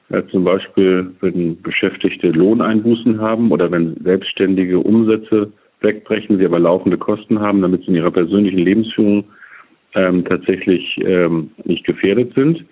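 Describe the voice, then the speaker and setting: A low-voiced man speaks on a low-quality phone line, thin and phone-like, with a slightly husky edge. He talks as a politician guest in a remote podcast interview, laying out points steadily with frequent fillers. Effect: low-quality phone-line sound.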